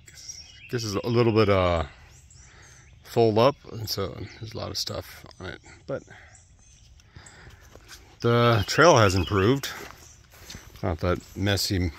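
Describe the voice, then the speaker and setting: A man's voice: on the low side, takes it slowly, creaky, pauses often, a little hiss or hum. A man in his thirties vlogging casually while hiking a wooded trail, rambling and trailing off with fillers, recorded on an earbud mic with the phone at arm's length. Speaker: thru-hiker vlogger.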